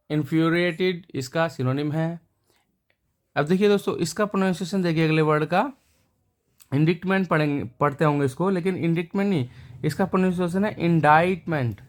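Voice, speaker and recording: A man teaching English vocabulary, repeating each word before giving its meaning and synonyms. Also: a little high. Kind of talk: explaining words and synonyms to viewers.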